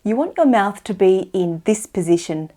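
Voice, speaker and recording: An Australian woman giving an instructional pronunciation lesson, enunciating slowly and carefully for language learners. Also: mid-range voice, lively intonation, dark tone. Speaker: English pronunciation teacher.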